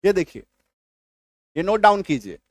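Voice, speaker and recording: A man teaching an English reading lesson in a classroom style, slowly drilling pronunciation and often asking if it is clear. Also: sits high, sing-song, dry recording, studio quality. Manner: keeps checking understanding with questions.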